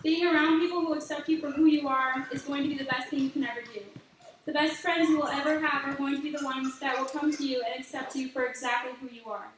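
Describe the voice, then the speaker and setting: A woman's voice: high-pitched, fairly even intonation, quick pace. A teenage girl giving a graduation speech, earnest and heartfelt as she offers advice to younger students. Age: late teens. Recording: echoey hall, voice from far off, faint noise.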